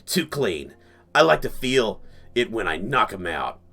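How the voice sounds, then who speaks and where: A rough, deep-voiced old grandma who sounds like she's smoked for decades, as a man puts her on. She talks gruff and menacing, relishing the thought of a fight, in a game voiceover. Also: big pitch swings, measured pace, pushed and bright, exaggerated voice. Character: tough old grandma, rough, violent, chain-smoking.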